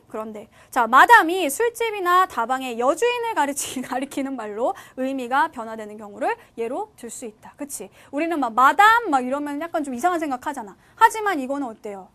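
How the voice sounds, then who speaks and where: A woman teacher lecturing high school students, often asking questions and answering them herself. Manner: lively, asks and answers own questions.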